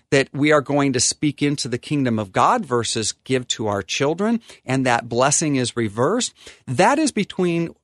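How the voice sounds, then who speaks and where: A man's voice: on the high side, no echo, studio quality. A man, an attorney, earnestly explaining a faith-based view of estate planning in a preacherly way, often stopping to restart with ums. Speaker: attorney guest.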